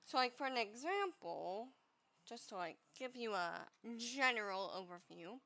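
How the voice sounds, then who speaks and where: A woman's voice: a little high, animated, unhurried, bright, forceful tone. A young woman with a congested, stuffy voice chatting casually over gameplay, rambling with many fillers and the odd swear as she gives advice. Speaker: gaming vlogger giving advice.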